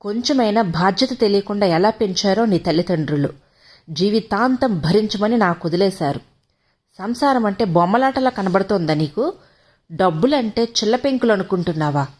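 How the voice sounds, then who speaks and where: A woman's voice: mid-range voice, lively intonation, normal speed, a little mellow, close to an everyday voice. A woman reading as a scornful arrogant husband. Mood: scolding. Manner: mocking, berating.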